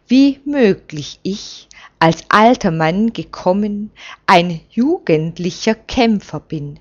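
A stern, commanding old man from a storybook reading, weighing each word with deliberate, unhurried authority, as a woman puts him on. The delivery is very slow. The sound is dull and lo-fi. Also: medium pitch. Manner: firm, measured, reproving. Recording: dull lo-fi recording.

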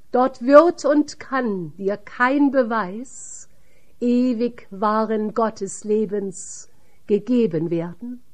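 A woman reading as a solemn, slow-speaking Jesus. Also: fairly high pitch, a little mellow. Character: Jesus, calm solemn male teacher. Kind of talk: audiobook reading.

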